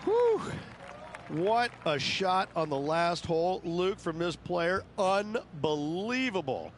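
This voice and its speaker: A man's voice: sits high, animated, slow. A man giving enthusiastic colour commentary as an analyst in a golf video game. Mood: thrilled. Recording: faint crowd and outdoor noise.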